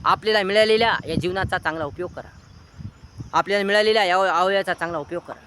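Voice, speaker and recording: Man, high voice, moral sermon, repetitive list-like exhortation, crickets and noise outdoors. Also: fast talker. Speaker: moral speaker.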